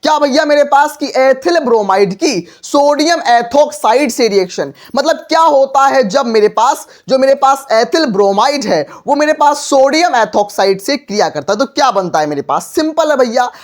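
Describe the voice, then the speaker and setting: A male teacher giving a lively exam-prep chemistry lecture, asking rhetorical questions and repeating phrases to drive points home. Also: extremely high pitch, normal speed, few pauses. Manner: repetitive, rhetorical questions, filler phrase "mere paas". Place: online class video.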